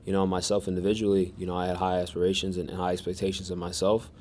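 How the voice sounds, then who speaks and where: A man answering questions at a press conference in a monotone, measured way with many restarts. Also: sits low, slight background noise. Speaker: soccer defender at press conference.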